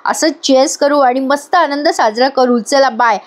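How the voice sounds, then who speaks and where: A woman voicing a scheming young woman who gets loudly drunk while gloating. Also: high-pitched, unhurried. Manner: loud, boastful, slurred celebrating.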